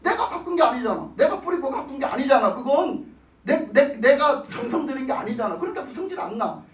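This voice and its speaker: A preacher giving a folksy, animated sermon and putting questions to the congregation, recorded in a church. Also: sits high, brisk, far from the mic. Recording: roomy church, voice off mic.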